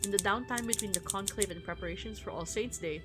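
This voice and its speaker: A fast-talking woman with a mid-range voice livestreams herself reading a visual novel aloud, mixing in casual chat and wry, informal asides. Music runs behind her voice.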